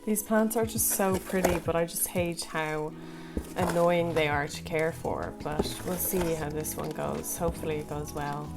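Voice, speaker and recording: Over loud music, a young woman with a low, gravelly voice speaks at a moderate pace in a steady tone. An Irish plant vlogger with a slight American tinge to her accent, she rambles through viewers' questions while repotting, full of fillers and light laughs.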